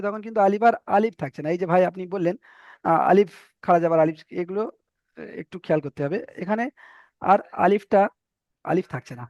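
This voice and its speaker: This fairly high-voiced man runs an online Quran reading lesson, repeating letters and vowel marks again and again with a patient, steady delivery. The dry, somewhat dull audio sounds like a low-fidelity call recording.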